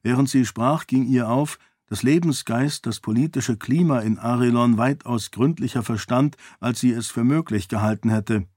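A man narrating an audiobook in a steady, measured way. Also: mid-range voice, breathy edge, dry recording, studio quality. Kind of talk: scripted narration.

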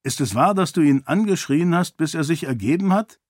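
A man's voice: on the high side, lively intonation, a little fast, dry recording, studio quality, pitched above the performer's own voice. A man voicing a teasing, jovial young nobleman in an audiobook. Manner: teasing, laughing.

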